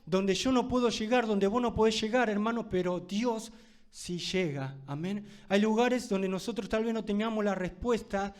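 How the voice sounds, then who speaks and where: A man's voice: high voice, moderate pace. A man with a Rioplatense Spanish accent preaching a fervent sermon, checking in with the congregation often and closing in prayer. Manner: ends in a spoken prayer.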